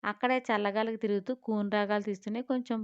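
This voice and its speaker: Clear-voiced woman narrating a story. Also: medium pitch, steady tone, fairly quick, dry recording. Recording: slightly dull lo-fi sound.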